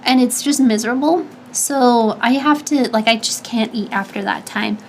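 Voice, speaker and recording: Answering her chat at a normal speed, this streamer speaks in a very high, slightly nasal voice, stuffed up from a cold-like stuffy nose. Her casual advice comes with frequent fillers and restarted sentences, and there's slight background noise.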